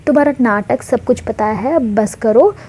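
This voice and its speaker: A woman's voice: on the high side, normal speed, warm tone, breathy edge. A woman voicing a teasing older sister who mocks her little brother in a spoken story.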